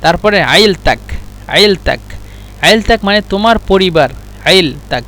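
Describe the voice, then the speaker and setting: A man with a fairly high voice gives a relaxed vocabulary lesson. He says each word, repeats it and explains its meaning patiently, one term at a time. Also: moderate pace, faint music behind. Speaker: Arabic language teacher. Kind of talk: casual spoken vocabulary lesson.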